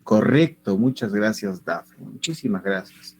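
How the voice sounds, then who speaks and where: A man's voice: lowish voice, lively intonation, unhurried, vocal fry, a little mellow, breathy edge. A man leads an online language class. His voice rises and falls a lot as he keeps asking his students rhetorical questions. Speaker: teacher.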